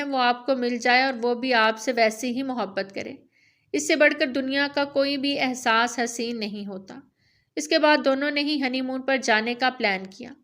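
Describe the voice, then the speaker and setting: A woman narrating a romance novel aloud in a steady, even storytelling manner. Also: sits high.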